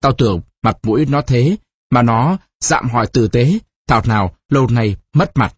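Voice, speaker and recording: Gruff, stern village father, as a narrator puts him on. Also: medium pitch, normal speed, no room sound, highs cut off, lightly acted. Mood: angry. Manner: gruff, scolding.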